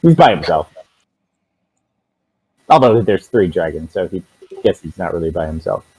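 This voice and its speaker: A man's voice: low-pitched, big pitch swings, normal speed, a little mellow, slightly rough, dry recording, low-quality recording. A man acting as game master, narrating a tabletop game casually and playfully, with swearing and sound effects.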